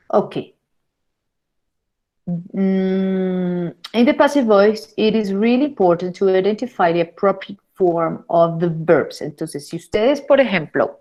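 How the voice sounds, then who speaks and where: A woman teaching an online English lesson, repeating words slowly to model pronunciation. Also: fairly low pitch, darkish tone.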